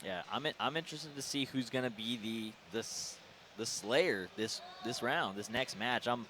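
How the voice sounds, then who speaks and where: A young man co-commentating a live esports event in a relaxed, joking way. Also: mid-range voice, normal speed, a little hiss or hum. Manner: laid-back, joking, trails off and restarts. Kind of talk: casual live commentary banter.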